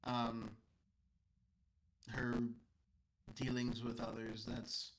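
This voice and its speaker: A man voicing a calm, courtly old vampire lord, speaking haltingly with many fillers. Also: medium pitch, slight background noise, low-quality recording. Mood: cordial.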